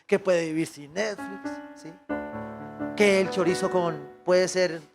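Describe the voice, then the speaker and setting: In a church, a pastor with a Colombian Spanish accent preaches a sermon through animated storytelling, acting out dialogue and asking the congregation questions. His voice sits high and moves slowly over loud music.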